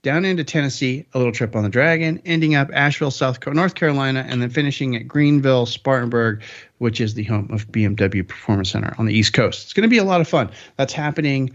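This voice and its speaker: A man's voice: mid-range voice, quick pace, dull audio. Upbeat rambling podcast host, man. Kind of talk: casual podcast chat.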